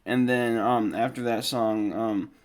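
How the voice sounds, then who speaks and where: A man's voice: mid-range voice, steady tone, a little slow. A young man hosting a podcast, telling a casual story in a rambling way with many ums and restarts while showing photos. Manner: shows photos while talking. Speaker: podcast host.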